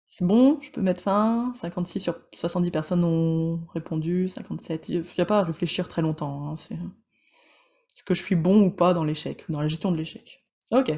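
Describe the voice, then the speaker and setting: Chatty woman coach, lowish voice. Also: mellow. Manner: chatty, joking, addresses viewers by name. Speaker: coach and trainer hosting a live session. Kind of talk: casual live teaching with audience polls.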